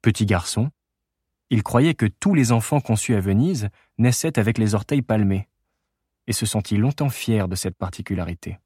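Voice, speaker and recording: A man reads a literary novel aloud as an audiobook, measured and unhurried. His voice sits on the low side and the sound is dry and close, with no room around it. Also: dark tone, slightly rough, no room sound. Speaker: audiobook narrator.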